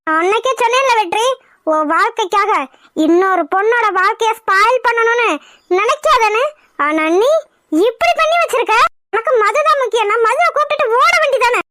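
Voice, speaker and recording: A woman voicing several cartoon women, among them a scolding mother-in-law and an angry young woman, in a sharp, scolding manner. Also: extremely high pitch, expressive, a little fast, heavily acted. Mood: accusing. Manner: sharp, scolding, shouting insults. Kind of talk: Tamil cartoon voice acting.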